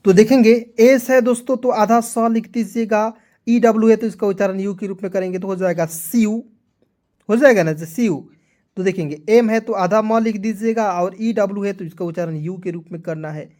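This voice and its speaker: A man teaching English pronunciation as a lesson in Hindi, spelling out letters, repeating each word and asking his viewers if it is clear. He says he is sweating in the heat. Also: high-pitched, a little mellow. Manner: repetitive, spells letters out and drills, asks "clear?". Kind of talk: Hindi-language phonics lesson.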